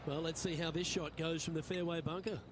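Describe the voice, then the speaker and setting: A man's voice: a little high, level tone, fairly quick. A man working as a golf commentator, calling play-by-play for a golf broadcast. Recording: crowd and outdoor noise behind voice. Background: loud crowd and outdoor ambience.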